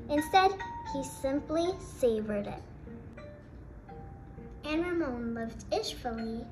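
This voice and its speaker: Female picture-book host, deliberate unhurried read-aloud, roomy echo on the recording. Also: high voice. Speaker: podcast host. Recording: roomy echo, music behind. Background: music.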